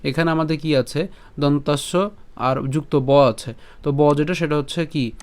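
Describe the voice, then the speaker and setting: A man teaching scripture pronunciation step by step, asking and answering his own questions and reciting verses slowly. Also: fairly high pitch, a little mellow.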